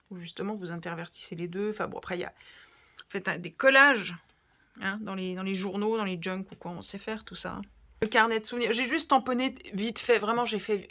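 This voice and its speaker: A woman's voice: mid-range voice, a bit bright. A woman hosting a casual crafting vlog, gushing and chatting directly to her viewers. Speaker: crafting video host.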